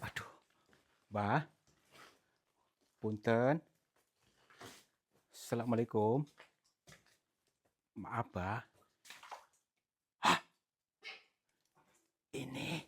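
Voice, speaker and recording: A man leading a paranormal investigation, talking in a hushed, polite, pleading way, often whispering. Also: mid-range voice, very slow, pauses often, slight background noise. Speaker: ghost-hunting vlogger.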